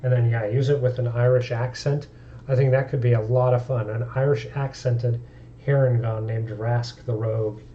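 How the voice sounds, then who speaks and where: A man's voice: medium pitch, fairly even intonation, moderate pace, muffled recording, slight background noise. A man streaming about tabletop games, talking casually and thinking aloud in an easygoing way. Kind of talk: casual live-stream talk.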